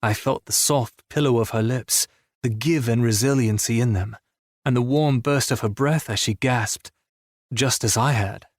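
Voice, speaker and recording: Male romance audiobook narrator, mid-pitched, weary and blunt, close dry sound. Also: moderate pace, no echo. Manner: weary, blunt inner monologue.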